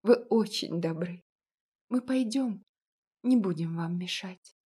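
A woman voicing a shy, frightened young mother in an audiobook, speaking softly and timidly. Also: fairly low pitch, slow pace, husky. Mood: timid, grateful. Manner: soft and timid. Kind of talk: audiobook reading.

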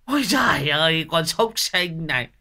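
A man's voice: lowish voice, huge pitch swings, unhurried, no echo, studio quality, heavily acted. A man voicing a crude, drunken, boastful old village man who curses and shrieks. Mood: shrieking disgust. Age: older.

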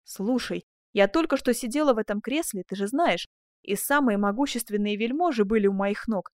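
A woman's voice: medium pitch, lively intonation, fairly quick, no room sound, clean studio sound, close to an everyday voice. A woman reading as a proud, passionate noble duchess. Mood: tender, persuasive. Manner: impassioned, swinging from tender murmur to proud outbursts. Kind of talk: audiobook reading.

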